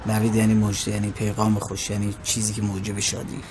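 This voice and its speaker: A man's voice: on the low side, monotone, background noise, natural voice. A man in his twenties playing a film's lead, narrating in voice-over as a young man struggling to keep his anger in check. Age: 20s. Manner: tense and clipped, grows agitated.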